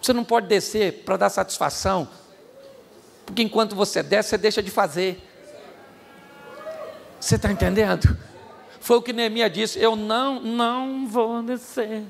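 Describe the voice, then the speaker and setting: A Brazilian man preaching a sermon as pastor, animated and joking, shouting out the lines he acts out. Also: sits high, moderate pace, creaky, long pauses. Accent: Brazilian Portuguese. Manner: animated, jokey, shouts acted-out quotes. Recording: reverberant hall, faint ambience.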